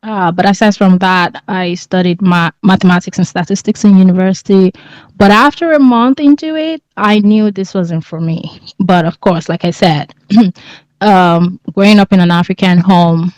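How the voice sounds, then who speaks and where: A woman born in England and raised in Nigeria, a podcast guest talking in a relaxed, thoughtful way and laughing easily. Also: mid-range voice, moderate pace, no echo, muffled recording. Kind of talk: casual interview.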